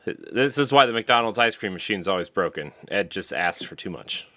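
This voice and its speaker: A man's voice: low-pitched, normal speed. A man co-hosting a podcast in a casual, playful, joking way. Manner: playful, jokey, lively. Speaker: podcast co-host. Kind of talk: casual chat.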